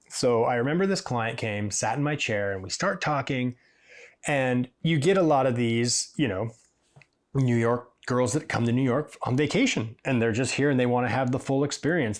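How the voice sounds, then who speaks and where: A man from Washington State, a hairdresser and podcast host, telling stories in a rambling, chatty way, livening up when he quotes people. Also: medium pitch. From Washington State, USA. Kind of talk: casual storytelling monologue.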